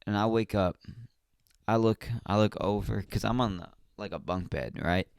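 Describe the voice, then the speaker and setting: Podcast host, male, very low smooth voice, rambling slangy storyteller, dry close sound. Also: moderate pace, no echo. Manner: rambling, slangy, lots of fillers. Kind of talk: casual storytelling.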